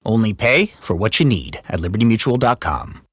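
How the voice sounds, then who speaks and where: An actor playing an earnest, silly, slightly rough-voiced pitchman explaining absurd logic in a comic radio commercial. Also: sing-song, fairly quick, fairly bright tone, dry recording, clean studio sound, full character voice.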